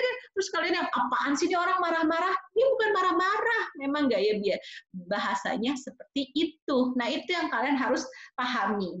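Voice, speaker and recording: Expressive high-voiced woman lecturing casually. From Jakarta, Indonesia. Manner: expressive, fairly loud, chatty with fillers. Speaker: nursing lecturer. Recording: roomy, slightly dull lo-fi sound.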